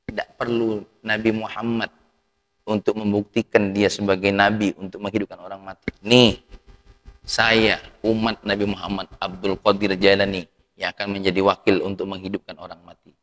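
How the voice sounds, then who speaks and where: A man preaching a sermon, lively, rising loud to stress points and asking the audience questions. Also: lowish voice, moderate pace. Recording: long reverb of a hall.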